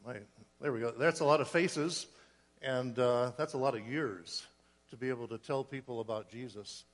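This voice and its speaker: A man preaching a sermon, earnest and a bit short of breath, restarting phrases and clearing his throat. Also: medium pitch, moderate pace, in a large hall. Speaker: guest preacher.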